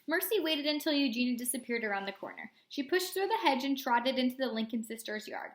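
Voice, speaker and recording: A woman's voice: high voice, animated, a little fast, reverberant. A woman reading a children's storybook aloud, changing her voice for each character. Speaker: reader.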